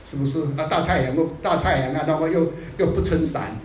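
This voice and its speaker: A man giving a Buddhist dharma talk in a scolding, animated way, dropping in English phrases now and then. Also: on the high side, brisk, slight background noise. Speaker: Buddhist teacher. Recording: echoey room, distant mic.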